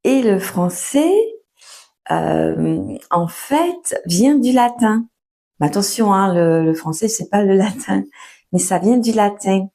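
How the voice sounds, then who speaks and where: A young woman teaches French in a relaxed, unhurried way, her voice sitting at an ordinary middle pitch. She stretches her words out, fills pauses with soft hesitations and often starts a sentence over. It sounds like a friendly lesson recorded at home. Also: vocal fry. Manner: slow, patient, full of fillers and restarts, laughs often. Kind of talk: casual spoken lesson for learners.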